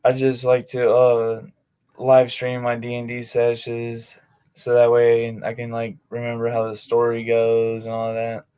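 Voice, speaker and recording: Flat-toned, laid-back male streamer. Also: mid-range voice, a little slow, clean tone. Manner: laid-back slangy talk full of "like" fillers. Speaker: streamer of his own tabletop game sessions. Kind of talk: casual livestream chat.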